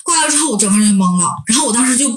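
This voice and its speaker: A woman's voice: on the high side, expressive, racing, reverberant, over a noisy crowd. A young woman co-hosting a podcast, telling a personal story in a casual, emotional way with many restarts. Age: young adult. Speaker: podcast co-host.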